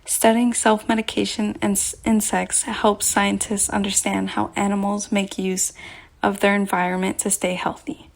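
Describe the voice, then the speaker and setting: A woman's voice: medium pitch, flat delivery, normal speed, vocal fry, rough recording. A woman presenting scripted educational narration, explaining things directly to the listener.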